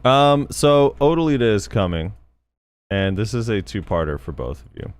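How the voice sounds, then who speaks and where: Deep-voiced man hosting a gaming podcast. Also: normal speed, clean tone, no room sound. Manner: relaxed, laid-back, asks the questions. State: morning voice. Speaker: podcast host. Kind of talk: casual gaming podcast chat.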